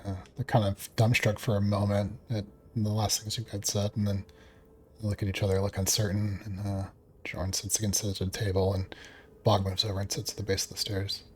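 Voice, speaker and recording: A man running a tabletop game as game master, narrating in a relaxed, hesitant way with many fillers. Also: lowish voice, fairly quick, a little hiss or hum.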